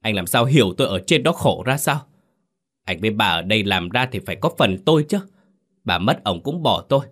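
A man's voice: fairly low pitch, expressive, normal speed, hardly any pauses, darkish tone. A man voicing a guilty, resentful young younger brother in a horror story reading, whiny and defiant. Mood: bitter. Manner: pleading then bitter and defiant.

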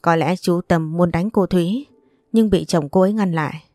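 Woman narrating in a low, dark voice. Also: moderate pace, no echo, clean studio sound. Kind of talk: first-person audio story narration.

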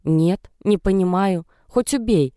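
Brief: narrator playing a level-headed young woman, earnest and reproachful, warm and smooth, dry studio read. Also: mid-range voice, slow pace, no room sound, pitched above the performer's own voice, lightly acted. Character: young sensible woman friend. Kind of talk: audiobook character reading.

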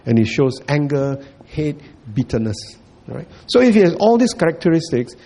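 A man's voice: medium pitch, mellow, slightly rough. A man giving a Buddhist dharma talk, repeating points, checking in with listeners and chuckling often. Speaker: Buddhist teacher.

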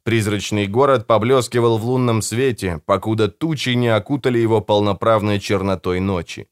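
A man reading a dark fantasy novel aloud as an audiobook narrator, in measured storytelling. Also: on the low side, clear, resonant tone. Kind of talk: dramatic scripted narration.

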